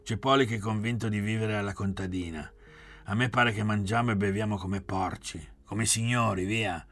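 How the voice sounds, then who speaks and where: A man's voice: fairly low pitch, steady tone, normal speed, a bit bright, voice pushed up. A man reading aloud, voicing a mocking, restless young man who needles his friends. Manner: sneering, provocative. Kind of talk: audiobook reading.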